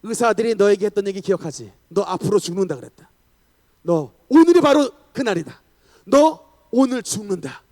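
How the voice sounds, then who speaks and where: Menacing male devil, low and taunting, rising to loud threats, as a preacher puts him on. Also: expressive, normal speed, dry recording, clean studio sound.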